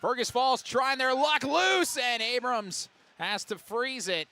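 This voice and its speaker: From the broadcast booth of an ice arena, a male radio announcer calls play-by-play of a girls' high school hockey game, delivering quick calls that burst into excited shouting whenever a big play happens.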